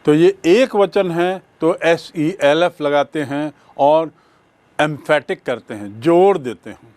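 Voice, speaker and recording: A man teaching a bilingual grammar lecture, speaking deliberately and repeating and spelling out key terms. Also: on the high side, darkish tone.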